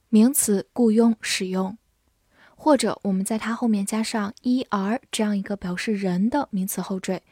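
A woman teaching an English vocabulary lesson, spelling words letter by letter and reading example sentences slowly. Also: medium pitch, dark tone, no room sound, clean studio sound. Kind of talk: vocabulary lesson with slow read-alongs.

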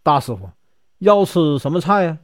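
A nervous young inn waiter, jumpy and evasive, as a male storyteller puts him on. His voice sits fairly high and swings around animatedly. The sound is close and dry. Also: very animated, moderate pace, no echo. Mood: brisk. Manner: flustered, defensive.

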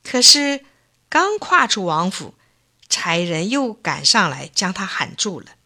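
Woman storyteller, folk tale, expressive, lively pitch, bright voice. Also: measured pace. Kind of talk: folk tale read-aloud.

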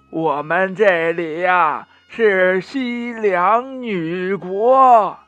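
A man putting on a kindly old village woman from a children's storybook who drags out every phrase in a slow, patient drawl. Her voice sits high in the register, with a changed, unfamiliar tone. It is dry and close, with nothing around it. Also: dry recording, lo-fi sound. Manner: slow, drawn-out speech.

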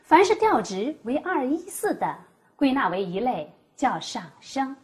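A woman explaining Mandarin tones as a teacher, demonstrating each tone with exaggerated pitch. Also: very animated, a little slow. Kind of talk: scripted teaching dialogue.

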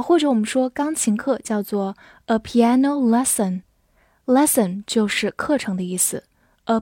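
A woman teaching English vocabulary, who spells words letter by letter and reads example sentences slowly. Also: on the high side, warm tone, dry recording, clean studio sound. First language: Chinese. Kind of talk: slow, clear vocabulary lesson.

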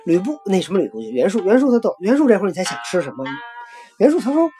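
Casual female history host, Beijing accent, lowish relaxed voice, animated retelling, faint music behind. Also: rapid-fire.

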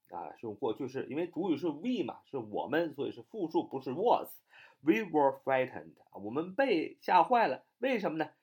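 A man's voice: medium pitch, darkish tone, breathy edge. A man teaching English vocabulary, explaining word meanings and spelling words out letter by letter, with many filler sounds.

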